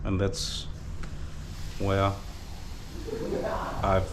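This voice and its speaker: A Danish vlogger in his twenties, his accent tinged with Fijian, answers viewer questions hesitantly and casually at a village gathering in Fiji, using many fillers. His deep voice is monotone and extremely slow, with background noise.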